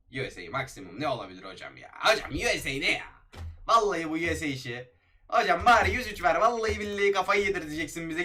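Young guy yelling through game pack openings, fast and bright, all hype then groans. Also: fairly high pitch. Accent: Turkish.

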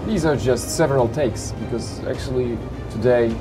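This man speaks at a normal speed with a medium pitch, showing off flight simulator cockpits in a cheerful, salesy manner. He keeps slipping in "you know" and "of course," and music plays behind him.

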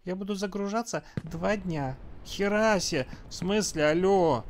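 A man's voice: high voice, a little slow, slight background noise. A man doing casual gameplay commentary as a raging gamer, irritable, grumbling and swearing. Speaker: gamer recording a first-look playthrough. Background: video game ambience.

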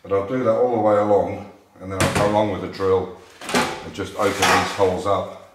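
A man's voice: low-pitched, steady tone, brisk, very noisy. A man in his sixties explaining metal fabrication steps while working on a classic car, thinking aloud with plain fillers. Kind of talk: workshop how-to narration. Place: large indoor car workshop. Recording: echoey workshop room.

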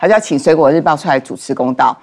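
A woman on a talk show telling a case story in lively detail, acting out the people she quotes. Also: low-pitched, rapid-fire. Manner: animated, acts out quoted dialogue. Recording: studio with background music.

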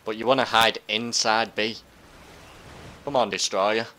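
A man's voice: on the low side, steady tone, measured pace, pushed and bright. A man chatting over in-game voice while playing a shooter, joking, trash-talking and breaking into silly singing. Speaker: gamer doing in-game voice chat. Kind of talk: casual game chat.

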